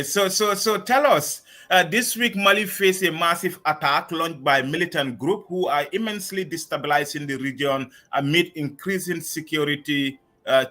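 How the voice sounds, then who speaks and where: A man hosting a current-affairs talk show, with a formal, measured delivery in his introductions and questions. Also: on the high side, pushed and bright. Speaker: news talk show host.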